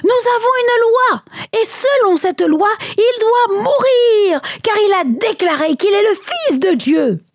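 A woman voicing a group of angry chief priests in a storybook Bible reading, high and insistent. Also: sing-song, normal speed, hardly any pauses, no echo, clean studio sound. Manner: loud, insistent.

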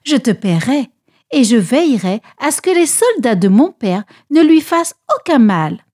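A woman voicing a kind young princess in a children's Bible storybook, speaking softly and regally. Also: high-pitched, sing-song, moderate pace. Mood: gentle.

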